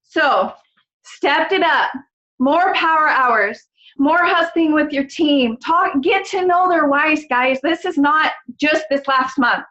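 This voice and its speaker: A woman's voice: high-pitched, takes it slowly, bright, forceful tone, muffled recording. A woman on a video call giving an emotional, gushing pep talk to her team, often calling out "guys". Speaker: guest team leader.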